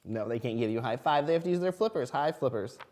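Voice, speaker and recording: A man with a medium-pitched voice reads a children's picture book aloud, as if to a toddler. He is expressive and teacherly. He puts simple questions to his young listeners as he goes. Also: quick pace. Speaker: kindergarten reading teacher.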